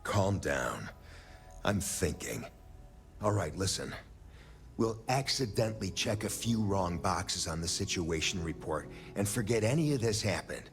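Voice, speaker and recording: Deep-voiced blunt space operative. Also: male voice, lively intonation, unhurried, faint music behind. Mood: firm, irritated. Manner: blunt, dry, commanding. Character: gruff, pragmatic male space operative in charge. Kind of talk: video game character dialogue.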